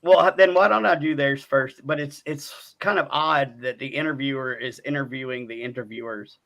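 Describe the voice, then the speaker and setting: Gravelly, bright male host; playful, jokey banter. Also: mid-range voice, normal speed. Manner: jokey, playful, laughs easily. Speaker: show host. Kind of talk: casual online talk show.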